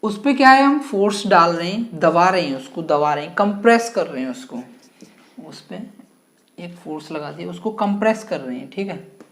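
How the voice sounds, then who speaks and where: Female physics tutor, lower register, drills terms by repetition and check questions. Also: animated, normal speed. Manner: repeats key terms and asks rhetorical check questions. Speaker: physics teacher. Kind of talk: classroom-style physics lesson.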